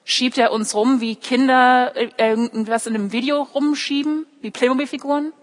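A woman's voice: sits high, fairly even intonation, moderate pace. A woman preaching an online sermon, often asking questions and speaking directly to her listeners. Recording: long hall reverb.

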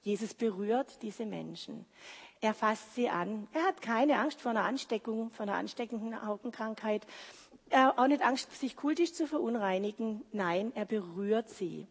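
A woman's voice: a little high, lively intonation, moderate pace, slightly rough. A woman giving an earnest, heartfelt devotional sermon, repeating phrases for emphasis. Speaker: lay preacher. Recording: long hall reverb.

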